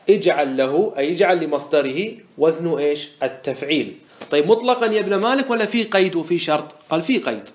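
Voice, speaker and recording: Man teaching with slow drawled examples, echoey. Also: fairly high pitch. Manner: drawls out example words slowly, asks and answers his own questions. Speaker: sheikh teaching Arabic morphology. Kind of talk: classroom lesson explaining verse. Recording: echoey room sound.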